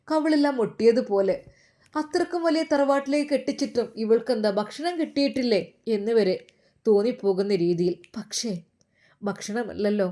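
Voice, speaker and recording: A woman's voice: mid-range voice, dark tone. A woman with a Malabar Malayalam accent narrating an emotional story in an earnest, heartfelt way.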